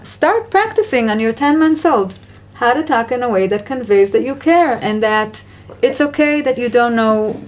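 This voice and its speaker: A woman hosting a casual Q&A conversation, talking about parenting in an earnest, reflective and gently encouraging way. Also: a little high. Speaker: parenting advice host.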